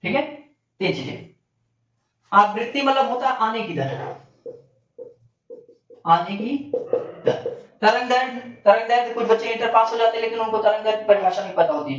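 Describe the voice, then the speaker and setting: A man teaching a classroom lesson. He fires off questions and answers them himself, dropping lower each time. His voice comes from some distance off in a roomy, echoing space, and the recording sounds dull. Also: quick pace. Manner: addresses students as bhaiya and bachche. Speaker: physics teacher.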